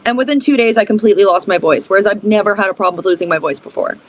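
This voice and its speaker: A young adult Canadian woman, a band's lead singer appearing as a guest, talks in a casual, upbeat, chatty interview full of fillers. Her voice is mid-range and she speaks at a racing pace.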